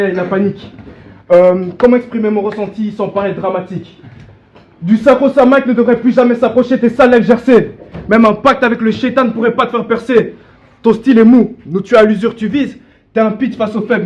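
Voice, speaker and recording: A man's voice: sits high, steady tone, brisk, a little mellow, highs cut off. A man delivering declamatory, mocking a cappella battle rap. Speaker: battle rapper. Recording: clearly noisy live recording.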